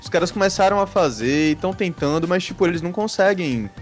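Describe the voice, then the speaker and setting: A man's voice: sits high, expressive, quick pace, soft background music. A man with a Brazilian accent chatting casually on a podcast, explaining things in an easygoing way. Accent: Brazilian Portuguese. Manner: easygoing, explains with filler "tipo". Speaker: podcast guest, site team member.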